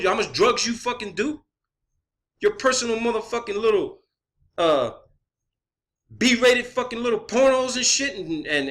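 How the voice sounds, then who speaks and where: This is a man with a sharp, very high-pitched voice, ranting to camera or viewers as an online creator, heavy on profanity and bluntly confrontational.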